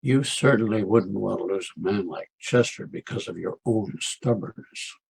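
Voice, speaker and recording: An American actor playing a crusty, outspoken frontier doctor in a western radio drama, wry, scolding and emphatic. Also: male voice, lowish voice, normal speed, vocal fry, a little mellow, breathy edge, low-quality recording. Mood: mollified, genial.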